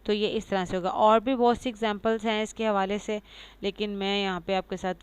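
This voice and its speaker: A woman giving a pronunciation lecture, explaining patiently, reading English lines slowly and repeating example words. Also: medium pitch, flat delivery, clean tone. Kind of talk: lecture mixing Urdu and English.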